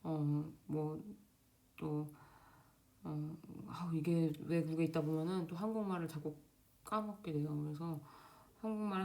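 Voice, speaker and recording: A young woman talking casually to camera at home, quick and loose with many fillers and restarts. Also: on the low side, mellow. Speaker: Korean doctor in Germany giving exam advice. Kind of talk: casual unscripted vlog talk. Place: home, indoors. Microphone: camera facing speaker.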